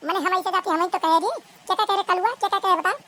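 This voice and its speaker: A woman with an Awadhi accent voicing a sharp-tongued young village woman in a cartoon comedy, bickering with pointed questions. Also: extremely high pitch, steady tone, racing, pitched above the performer's own voice.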